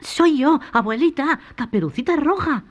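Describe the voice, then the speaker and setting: Narrator doing a trusting storybook little girl: high, sweet, slow and wide-eyed. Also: lively intonation. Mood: cheerful.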